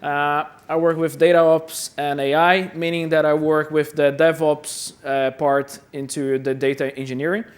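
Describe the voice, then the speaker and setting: In a conference hall, a Brazilian man gives a chatty, self-deprecating talk, often repeating words as he goes. His voice is a little high and level, moving at a moderate pace with hardly any pauses.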